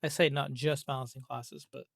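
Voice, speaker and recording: Male gaming commentator, mid-range pitch, exasperated and grumbling, unscripted and emphatic, dry recording. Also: little pitch movement, brisk, gravelly, no echo. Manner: exasperated, grumbling, sweary complaining; emphatic repetition, rhetorical questions. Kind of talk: unscripted rant about a video game.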